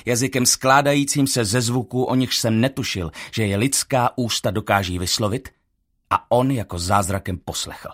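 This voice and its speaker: A man reading a first-person audiobook in a measured, tense storytelling manner. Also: mid-range voice, a bit bright. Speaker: audiobook narrator.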